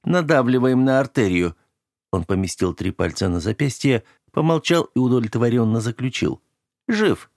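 A man narrates a novel in a measured, even storytelling voice. He reads close to the mic. The sound is dry, with no room echo. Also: medium pitch, creaky. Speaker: audiobook narrator. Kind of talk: scripted narration.

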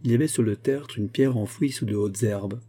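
Man narrating a folk tale, dark mellow tone, husky, lively storytelling. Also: on the low side, fairly quick. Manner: lively storytelling, voicing the grandfather's lines. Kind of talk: audiobook reading of a fantastic tale.

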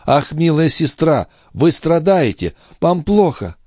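A worried, tender young brother, played by a male narrator who asks gentle, concerned questions. His intonation is lively. The audiobook sound is dry and close. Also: lowish voice, moderate pace, no room sound, pitched above the performer's own voice.

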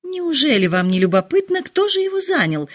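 A woman voicing an excitable, fretful middle-aged mother who speaks in high, gushing exclamations. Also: a little slow. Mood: excited.

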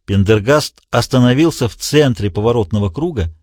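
A man narrating a thriller audiobook in expressive storytelling style. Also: medium pitch, brisk, dry recording, studio quality. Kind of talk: scripted narration.

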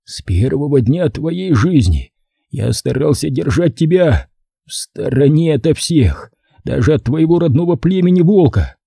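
A man doing a dying hunter father, slow and breathless. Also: fairly high pitch, big pitch swings, vocal fry, dark tone, slightly rough, no echo, studio quality, pitched above the performer's own voice, full character voice. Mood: tender weak. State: short of breath.

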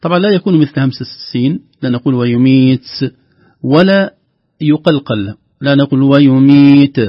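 Brief: male recitation teacher, husky tone, explanatory delivery with drawn-out chanted examples, dry dull lo-fi studio sound. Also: mid-range voice, no room sound. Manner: explanatory, slowly chanting sample words. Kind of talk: tajweed lesson with recited examples.

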